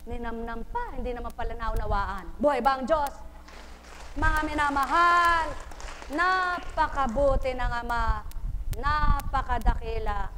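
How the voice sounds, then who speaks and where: A woman's voice: high-pitched, unhurried, sharp tone. A woman preaching a sermon, asking her congregation rhetorical questions and acting out everyday gossip to make her points. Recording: live stream with long hall reverb and faint noise.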